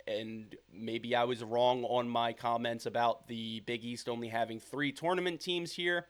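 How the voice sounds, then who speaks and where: A man's voice: mid-range voice, fairly bright tone. A young man hosting a solo sports podcast, giving confident, opinionated commentary and repeating his takes. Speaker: podcast host.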